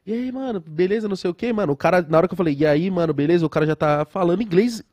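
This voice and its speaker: A man telling stories as a podcast guest in casual chat, animated and full of slang. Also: high-pitched, racing, dry recording, clean studio sound. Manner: animated storyteller, heavy slang.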